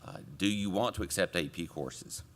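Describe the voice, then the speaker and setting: A man chairing a committee, delivering a conference report from a podium microphone with relaxed joking asides to the audience. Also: low voice, moderate pace. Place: conference meeting room.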